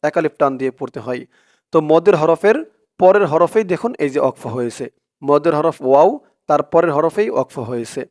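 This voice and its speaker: In a tajweed lesson, a man with a Bangladeshi Bengali accent teaches Quran recitation by spelling out every letter and vowel mark before chanting the verse in a slow, drawn-out way. His voice sits on the high side with a darkish tone.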